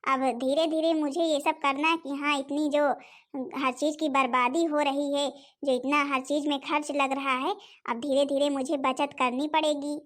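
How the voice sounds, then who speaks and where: A woman's voice: sits high, little pitch movement, moderate pace, a bit bright. A woman voicing a stingy, bossy young stepmother who scolds and complains in a cartoon. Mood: scolding. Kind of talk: cartoon voice acting.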